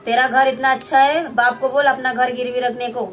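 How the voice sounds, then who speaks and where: A woman playing a shrill, scolding mother-in-law. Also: level tone, normal speed, slight background noise, natural voice. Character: harsh greedy older mother-in-law. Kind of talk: puppet play performance.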